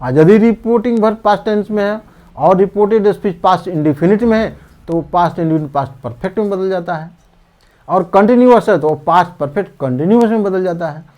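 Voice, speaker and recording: A man teaching English grammar in an explanatory lesson, repeating the rules and slowly dictating example sentences. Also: high voice, a little mellow.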